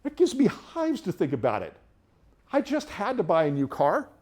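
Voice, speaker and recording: A middle-aged man teaching a money class in a casual, rambling way, with frequent restarts, getting more animated during personal stories. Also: moderate pace. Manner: grows more animated and higher when telling personal stories. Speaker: budgeting class instructor. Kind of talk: classroom lecture.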